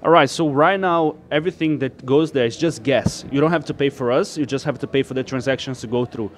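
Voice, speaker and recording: A man's voice: medium pitch, brisk, slight background noise. A man from Brazil, a startup co-founder, explaining his project as an interview guest in a loose, filler-heavy way. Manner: explanatory, loose, full of "like" and restarts. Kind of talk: casual tech interview.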